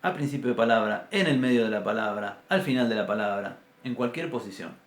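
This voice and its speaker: A man teaching a Biblical Hebrew class with an Argentine Spanish accent, explaining patiently and sounding out letters aloud, often clearing his throat. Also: lowish voice, animated, brisk, roomy sound. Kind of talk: university class lecture. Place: classroom with a blackboard.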